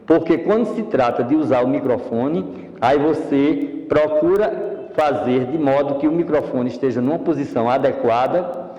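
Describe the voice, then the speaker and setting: A man's voice: a little high, warm tone, reverberant, in a large hall, rough recording. A man with a Brazilian Portuguese accent teaching a public speaking course in a didactic, explanatory way, recorded in a studio. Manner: didactic, explanatory, demonstrates voice tones.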